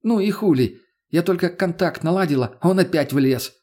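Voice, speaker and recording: A man voicing a foul-mouthed, brash young woman in an audiobook who swears loudly and talks in a raised voice. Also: high voice, moderate pace, pitched above the performer's own voice. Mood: angry. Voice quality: coarse, swearing. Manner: loud and raised.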